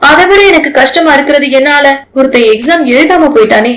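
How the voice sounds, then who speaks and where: A woman's voice: high voice, a little fast, fairly bright tone, poor audio. A woman voicing a young wife who is guilt-ridden and speaks in a pleading, tearful way.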